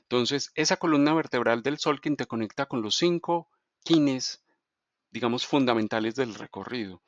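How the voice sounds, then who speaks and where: Man teaching slowly in a dry room. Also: medium pitch, no echo, muffled recording. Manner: measured, checks in with frequent rhetorical questions. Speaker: teacher of Mayan calendar. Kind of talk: explanatory lesson at a board.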